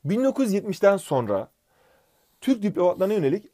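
A man's voice: high-pitched, big pitch swings, warm tone. A young man teaching an exam-prep history lesson in a joking, chatty way, bantering with his student. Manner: fast, joking, addresses sidekick by name.

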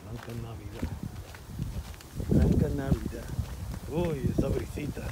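A man's voice: mid-range voice, measured pace. Dominican man vlogging on a noisy street. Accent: Dominican Spanish. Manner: chatty, exclaims often. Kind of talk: casual walking vlog. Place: snowy city street outdoors. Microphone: phone camera held while walking. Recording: loud street noise.

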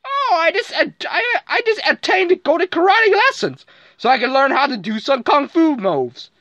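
A woman's voice: high voice, sing-song, moderate pace, a bit bright, no room sound. A woman voicing a bossy, scatterbrained karate teacher who scolds the kids in a homemade toy skit. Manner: scolding, sing-song, swooping voice. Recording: dull lo-fi recording with faint noise.

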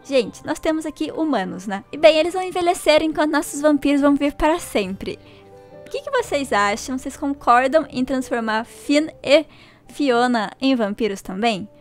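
A young woman giving chatty, excitable let's-play commentary to her viewers. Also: high voice, normal speed, soft background music. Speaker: gaming channel host.

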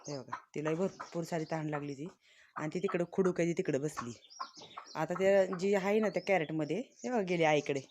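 A woman talks casually to her viewers while she shows her goats and chicks outdoors. Her voice sits on the low side. She chats with the viewers and now and then scolds the animals, and there is a faint hiss in the background. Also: a little fast. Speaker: village vlogger. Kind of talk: casual farm vlog narration.

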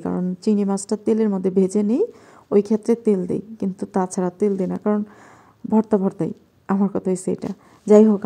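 A woman from Bangladesh with a Bangladeshi accent, narrating a home cooking vlog in a soft, quiet voice at night in her kitchen. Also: mid-range voice. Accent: Bangladeshi Bengali. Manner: talking softly and quietly at night.

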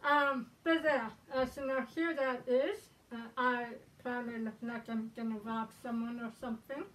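A woman's voice: on the high side, little pitch movement, moderate pace, a bit bright. A woman speaking through a balaclava, talking casually and hesitantly with many ums and uhs while she demonstrates something. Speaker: fursuiter showing how to suit up. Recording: voice from a distance.

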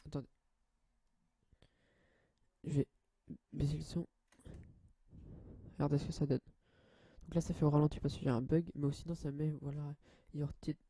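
A young man hosting a casual software tutorial, hesitant and full of fillers and restarts, addressing viewers as guys. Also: a little high, husky, dry recording. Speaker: channel host.

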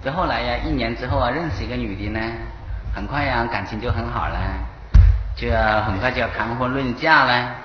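Speaking fairly quickly in a mid-range voice, the monk tells parables during his dharma talk and laughs at his own points. He has a Taiwanese Mandarin accent, and the temple lecture hall recording is echoey, dull, lo-fi and faintly hissy.

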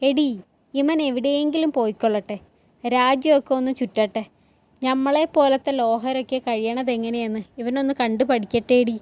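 A woman narrator voicing a short-tempered, scornful well-off father who talks in a gruff, mocking, brusque way. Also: very high voice, fairly even intonation, moderate pace, darkish tone, dry recording.

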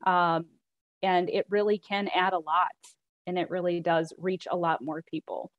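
A woman speaking on a video call panel, her voice a little low for a woman and her sound dry, with almost no room around it. She talks in an earnest, practical way, leaning on "really" and "you know" as she explains. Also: fairly even intonation, normal speed, no room sound, highs cut off. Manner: earnest, practical, repeats 'really' and 'you know'. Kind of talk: virtual panel discussion.

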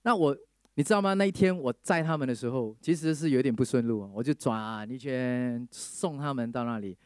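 A man preaching a sermon, telling a testimony in a lively storytelling manner, acting out the people he quotes and mixing English phrases into Mandarin. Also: mid-range voice, fairly quick, clean tone, no room sound, studio quality.

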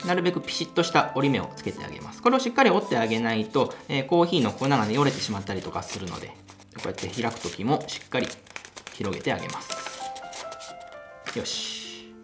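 A young man hosts a coffee channel, demonstrating brewing in a small home café room while background music plays. His mid-range voice is sing-song and fast, and he chats enthusiastically, laughing as he explains in a casual how-to style.

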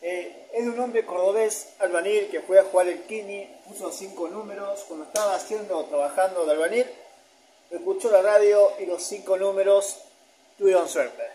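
Man narrating, mellow high voice, faint noise under it. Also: fairly even intonation, moderate pace, low-quality recording. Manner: explanatory, checks in with "¿sí?". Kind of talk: video commentary voice-over.

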